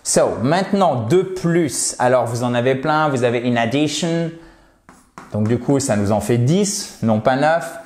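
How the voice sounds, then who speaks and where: A man teaching an English lesson in French, patiently repeating English words slowly to drill their pronunciation. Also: mid-range voice, expressive, darkish tone, roomy sound. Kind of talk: video lesson at a whiteboard.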